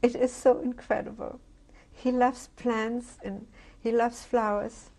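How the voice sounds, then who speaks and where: Older woman, gravelly voice, reflective and halting, testimony interview. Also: a little high, little pitch movement, a little mellow. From Germany. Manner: reflective, halting, with frequent restarts. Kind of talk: oral history testimony. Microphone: interview recording.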